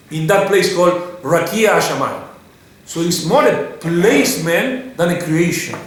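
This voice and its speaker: A man's voice: a little high, a bit bright. A man teaching a Torah class, putting questions to his students and often restarting his sentences. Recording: very echoey room with faint background noise.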